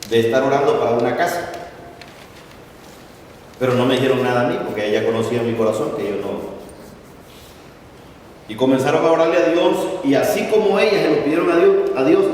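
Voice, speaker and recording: A middle-aged pastor preaches in a large church hall, telling stories, acting out quoted voices and stressing key words. His mid-range voice is a little mellow, picked up from far off in the echoey space with slight background noise.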